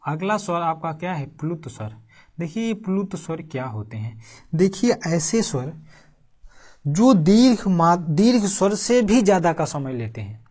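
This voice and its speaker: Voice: medium pitch, sing-song, darkish tone. Exam-prep teacher, repetitive drilling delivery with rhetorical check-up questions. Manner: drills key phrases word by word, repeating them slowly; keeps asking the class rhetorical check-up questions. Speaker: Hindi teacher for exam preparation. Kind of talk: online exam-prep lesson.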